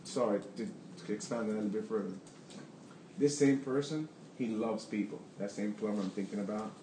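A man's voice: fairly low pitch, a little fast, warm tone, roomy sound, slight background noise, poor audio. A man who owns a plumbing business, answering audience questions candidly and rambling with restarts. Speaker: plumbing business owner on a panel.

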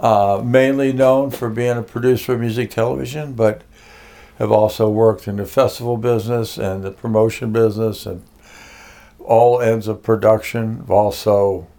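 A man's voice: fairly low pitch, steady tone, normal speed, warm tone. An older man from Connecticut, a music producer being interviewed, telling his life story casually with many fillers and restarts.

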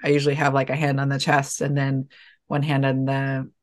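A woman giving calm, measured and reassuring advice in a relaxed conversation. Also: extremely low pitch. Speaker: podcast guest.

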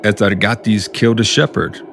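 Deep-ish guy cracking jokes on a podcast, faint room hum behind. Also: steady tone, brisk, vocal fry, a bit bright. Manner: wisecracking, teasing. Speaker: podcast co-host. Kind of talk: casual banter.

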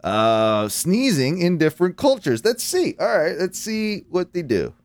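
Rambling man with a lively voice. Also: fairly high pitch, measured pace, no echo. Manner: rambling, thinks aloud while searching videos; swears casually. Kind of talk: casual chat.

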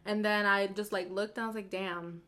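A woman's voice: mid-range voice, flat delivery, quick pace, sharp tone. A woman on a podcast, telling a story in a casual chat, full of fillers and laughing often. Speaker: podcast co-host.

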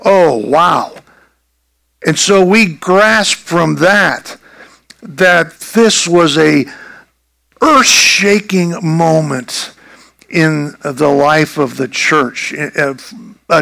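A man's voice: fairly high pitch, very slow, gravelly, bright, forceful tone. A male pastor preaching a sermon in a conversational, emphatic way.

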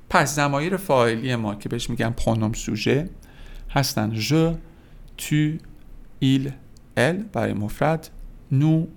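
A young man talks through a podcast language lesson at an easy, patient pace. His voice sits at a middle pitch with a gravelly, fry-tinged texture. He pauses often with filler sounds as he explains each point. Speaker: French teacher. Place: indoors near a window.

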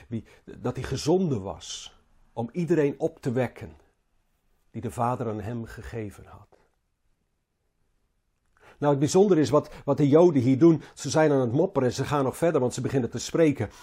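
Husky, mellow preacher. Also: male voice, mid-range voice, lively intonation. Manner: halting, repeats words, rises and falls in emphasis. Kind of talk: sermon.

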